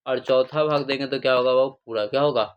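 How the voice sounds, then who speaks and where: A man's voice: medium pitch, fairly even intonation, fast, smooth, muffled recording. A male math teacher. He gives a livestream classroom lesson in call-and-response style, asking questions, repeating the answers and calling his students "babu".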